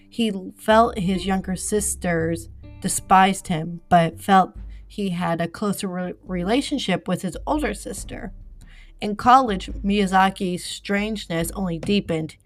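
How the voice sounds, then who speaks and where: A woman with a lowish voice reads a true-crime script, tossing in casual asides. She has the hiccups, stumbles often, apologizes, and fills gaps with lots of fillers.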